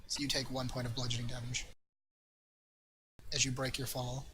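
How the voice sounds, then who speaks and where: A man's voice: medium pitch, completely flat delivery, moderate pace, sharp tone, slight background noise, poor audio. Man running a tabletop game. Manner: explains rules and loot at length, casual. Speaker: dungeon master.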